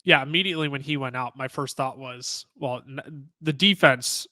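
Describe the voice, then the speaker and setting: A man co-hosting a sports podcast, talking excitedly in casual chat with many restarts. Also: mid-range voice, moderate pace, no room sound. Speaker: podcast co-host.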